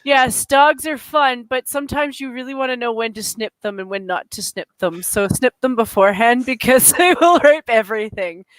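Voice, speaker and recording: A woman's voice: fairly high pitch, expressive, normal speed, hardly any pauses, dry recording, low-quality recording. A young Canadian woman from Alberta with a stuffy nose, hosting a casual chat, rambling with fillers and giggles. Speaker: podcast host.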